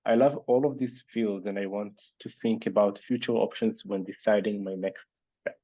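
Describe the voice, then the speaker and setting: Reading audience questions at a casual online panel, this host speaks English with a Hebrew accent, Hebrew being his first language. He talks at a normal pace in a warm, steady, fairly low voice, hesitating and using many fillers as he thinks out loud. The sound is lo-fi, with no audible room.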